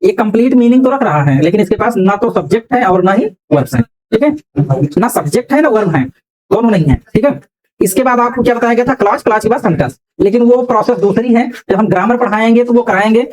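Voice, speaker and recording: A man's voice: high-pitched, quick pace, darkish tone, rough recording. A man teaching English pronunciation in a classroom, often asking the class questions and repeating their answers. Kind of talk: classroom lecture.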